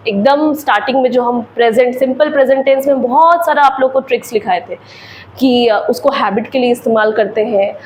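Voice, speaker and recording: A woman's voice: on the high side, a little fast, darkish tone, slight background noise, low-quality recording. A woman English teacher with an Indian accent, explaining grammar in a patient classroom lecture with repeated examples.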